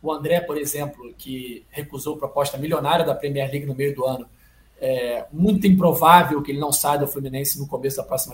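A Brazilian man hosting a football podcast in a casual, conversational style. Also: on the high side. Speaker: podcast host. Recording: roomy echo, faint background noise.

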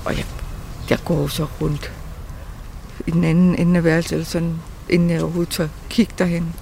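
A man recounting a painful memory in a halting way, often repeating words and restarting sentences. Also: a little high, flat delivery, gravelly, dark tone, a little hiss or hum. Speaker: interviewee. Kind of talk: personal testimony.

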